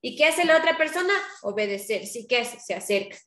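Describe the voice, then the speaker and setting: A woman's voice: on the high side, expressive, a little fast, fairly bright tone, roomy sound. A woman teacher giving a patient grammar lesson to her class, often checking in with her students.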